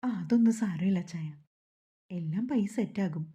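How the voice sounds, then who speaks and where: A woman voicing a shy, gentle young woman who speaks softly and quietly. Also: mid-range voice, moderate pace, slightly rough, muffled recording, natural voice. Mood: tearful.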